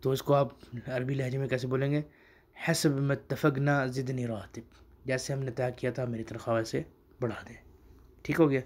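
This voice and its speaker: A man who teaches Arabic phrases in a casual spoken lesson, slowing down to repeat each phrase for learners. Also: medium pitch, level tone, a little mellow.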